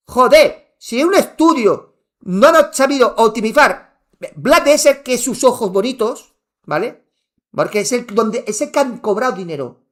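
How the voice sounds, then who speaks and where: Guy streaming, fired up and half yelling, voice jumps all over the place, keeps repeating himself. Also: very high-pitched. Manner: heated, ranting, repeats himself, swears, near shouting. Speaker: gaming streamer answering chat. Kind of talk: live stream rant. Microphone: wearing headphones.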